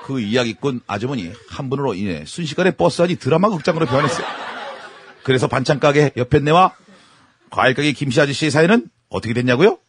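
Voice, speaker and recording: A male radio host reading a listener's story aloud in a lively, comic way. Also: mid-range voice, fast talker, slightly rough.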